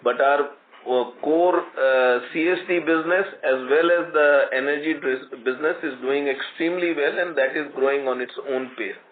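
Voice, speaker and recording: Over a tinny phone line with noticeable noise, a male company executive fields analysts' questions on a conference call. His voice sits on the high side, and he talks at a normal speed.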